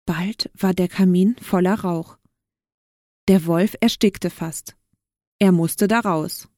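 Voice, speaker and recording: Woman narrator for a children's story, slow and gentle, dry close recording. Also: lowish voice, no room sound.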